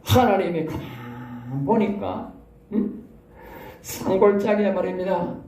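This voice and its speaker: A Korean pastor with a Gyeongsang accent, preaching in a lively, folksy way and often tossing rhetorical questions at the congregation. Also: male voice, sits high, takes it slowly, echoey room, a little hiss or hum. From South Korea. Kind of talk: sermon. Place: church hall.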